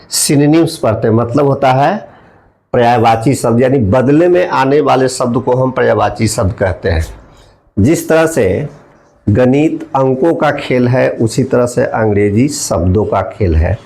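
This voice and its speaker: Slow, gravelly man teaching vocabulary. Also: medium pitch, a little mellow. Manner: spells words out letter by letter while writing; repeats key words and asks the viewer questions. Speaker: English teacher. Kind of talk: classroom-style vocabulary lesson.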